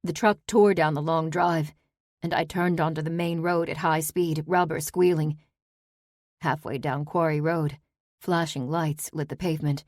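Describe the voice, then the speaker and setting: Female audiobook narrator, low-pitched, tense and clipped, dry close read. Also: fairly even intonation, unhurried, darkish tone, no room sound. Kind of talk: first-person audiobook narration.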